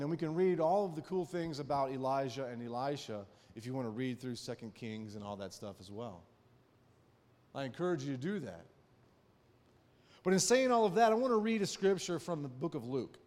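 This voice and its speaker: A man's voice: fairly high pitch, a little mellow, in a large hall. A man preaching a sermon, telling a personal story in a folksy way with frequent "right?" asides. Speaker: pastor.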